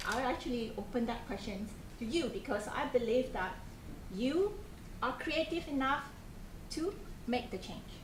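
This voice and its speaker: Putting questions to a group of students, a programme coordinator with a fairly high voice and Malaysian accent gives an informal, conversational presentation. She restarts sentences often and uses fillers. The echoey room carries a faint hum of background noise.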